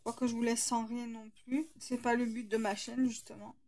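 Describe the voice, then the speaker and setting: A woman's voice: on the high side, little pitch movement, normal speed, warm tone. A woman with a slight lisp, hesitantly thinking aloud as she narrates a casual craft tutorial.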